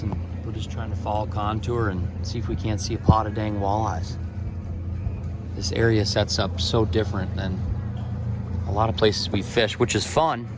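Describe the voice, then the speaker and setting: A man hosting a casual fishing vlog outdoors on a lake boat, talking in an excited, chatty way. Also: lowish voice. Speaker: fishing vlogger. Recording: light outdoor noise.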